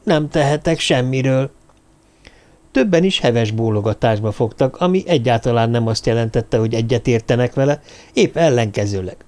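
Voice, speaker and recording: A man reading an audiobook novel in measured, even narration. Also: medium pitch. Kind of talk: scripted narration.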